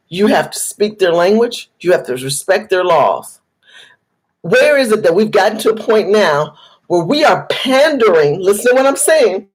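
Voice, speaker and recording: A woman from the United States speaks straight to her audience in a fervent, lecturing commentary, repeating phrases for weight. Her voice has a husky, slightly rough edge, and she sits at a middling pitch for a woman. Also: rough recording. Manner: emphatic, repetitive, lecturing the viewer. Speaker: political commentator vlogger. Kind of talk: impassioned direct-to-camera commentary.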